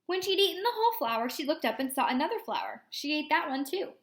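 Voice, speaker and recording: A woman's voice: high voice, big pitch swings, fast, echoey room. A woman reading a children's storybook aloud, changing her voice for each character. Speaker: reader.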